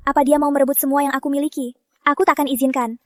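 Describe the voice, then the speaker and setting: A woman's voice: high-pitched, little pitch movement, racing, dry recording, natural voice. An actress dubbing a spoiled, scheming young woman who grumbles bitterly to herself. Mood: resentful. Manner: petulant, bitter inner grumbling. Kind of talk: dubbed short-drama acting.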